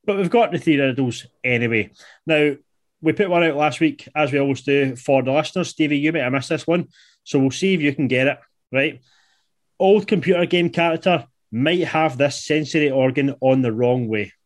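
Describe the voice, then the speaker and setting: Hosting a quiz on a laid-back football podcast he produces, this Scottish man in his late 20s has a voice on the high side. He talks at a normal speed.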